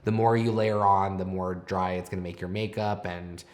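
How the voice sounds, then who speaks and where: A man's voice: low voice, little pitch movement, normal speed, background noise. A man giving explanatory makeup commentary as a host, advising in a conversational tutorial style.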